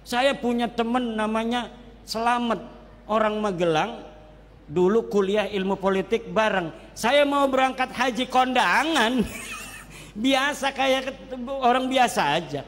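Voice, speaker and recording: A man speaks in a high, bright register as he gives a religious lecture. He is lively and jokes often, mixing local Sundanese and Javanese words into his talk. His voice carries a long, echoing hall reverb. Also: measured pace. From Banten, Indonesia. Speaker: Islamic cleric speaker.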